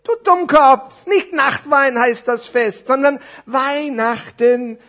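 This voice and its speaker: A man's voice: very high voice, measured pace, fairly bright tone, pitched above the performer's own voice, full character voice. A man voicing a weary, know-it-all gift-wrapped necktie in a storybook tale, talking in a lecturing, impatient way.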